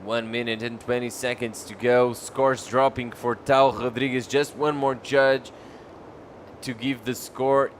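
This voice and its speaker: A man commentating live on a surfing contest, announcing score updates in a measured, piece-by-piece way. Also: medium pitch, level tone, a little hiss or hum.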